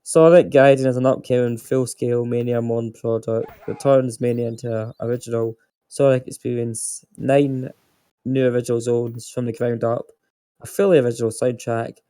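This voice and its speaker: A man's voice: medium pitch, level tone, normal speed, mellow, clean tone. A man co-hosting a game stream, chatting casually and reading entries aloud with a dry, sarcastic manner. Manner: dry, sarcastic, stumbles and restarts. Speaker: co-host reading entry descriptions.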